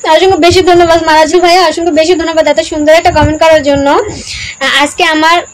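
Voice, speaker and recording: A young woman hosting a casual livestream, reading comments aloud and loudly urging viewers to share, comment and follow, repeating herself often. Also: extremely high pitch, little pitch movement, a little fast, rough recording. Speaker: livestream host.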